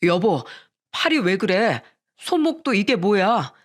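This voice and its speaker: A woman's voice: mid-range voice, big pitch swings, takes it slowly. A woman reading a worried young husband. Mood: concerned. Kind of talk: radio story reading.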